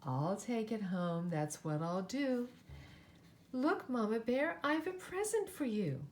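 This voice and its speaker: A woman's voice: on the high side, animated, takes it slowly, a little mellow, slight background noise. A woman voicing a cheerful, eager father bear in a children's storybook, full of exclamation. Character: jolly, eager male bear, a family father. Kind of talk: storybook character voice.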